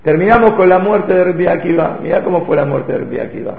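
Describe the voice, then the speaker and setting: Male teacher, high voice, storytelling lesson, thin phone-like sound. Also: lively intonation, fast, creaky. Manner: storytelling with rhetorical questions. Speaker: Torah teacher. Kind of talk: religious lesson to a live audience. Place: hall with an audience. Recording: echoey hall, phone-like lo-fi sound.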